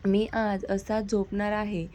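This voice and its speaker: A woman narrator voicing a young husband who teases his wife calmly. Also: mid-range voice, takes it slowly, slight background noise, natural voice. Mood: teasing. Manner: teasing, calm. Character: young husband, teasing and playful.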